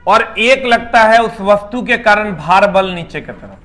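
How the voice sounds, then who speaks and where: A man's voice: sits high, lively intonation, a little slow, fairly bright tone, soft background music. A man teaching a live online class, chatty and teasing, firing rhetorical questions at students.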